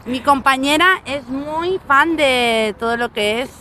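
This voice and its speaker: A woman's voice: sits high, slow, crowd noise. A woman, a dog groomer, doing a casual street interview outdoors in a city and talking in a rambling way with apologetic asides.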